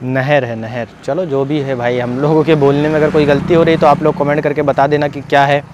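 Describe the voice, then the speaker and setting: A man's voice: a little high, flat delivery, a little fast, dull audio. A young man narrating a travel vlog while riding on a motorbike, chatting with viewers and a friend. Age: young adult. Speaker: vlogger. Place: outdoors on a moving motorbike on a road. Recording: outdoor road noise.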